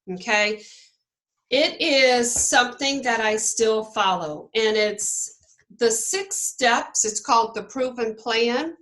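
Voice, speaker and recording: A woman's voice: a little high, sharp tone, rough recording. A woman leading a team meeting on a video call, upbeat and coaching, checking in with her listeners often. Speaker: network marketing team leader.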